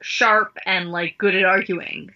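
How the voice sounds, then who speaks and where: A woman's voice: mid-range voice, steady tone, slow, dull audio. A woman in a casual study discussion, talking chattily with constant "like" fillers and sarcastic paraphrases of the text. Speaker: study partner.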